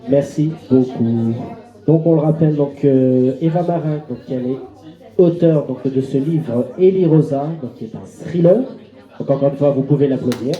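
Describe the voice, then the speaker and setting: A man's voice: mid-range voice, moderate pace, lo-fi sound. A man hosting a book talk and event. He talks loosely and keeps saying "donc" as a filler. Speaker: event host. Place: event hall. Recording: roomy hall sound.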